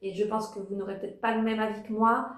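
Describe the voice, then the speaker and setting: A woman's voice: mid-range voice, flat delivery, fast talker. A woman giving a casual spoken review as a vlogger, hesitant, with many fillers and restarts. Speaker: vlogger reviewing a TV talent show. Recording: echoey room.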